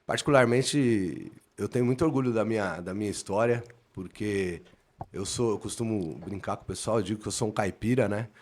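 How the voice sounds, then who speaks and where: A middle-aged police lieutenant colonel from the interior of São Paulo state, Brazil, guests on a podcast, speaking in a lowish voice and fairly quickly. He tells his story earnestly and formally, often repeating words as he thinks.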